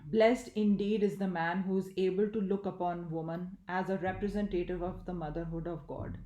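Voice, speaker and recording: A woman reading a spiritual book aloud in a measured, even way, in an echoey room. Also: fairly low pitch. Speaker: audiobook reader.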